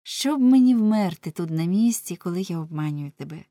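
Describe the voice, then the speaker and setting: A woman voicing a repentant, tender wife who speaks in a soft, pleading, earnest way, in a storybook reading. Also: mid-range voice, animated, a little slow, dry recording, studio quality, close to an everyday voice.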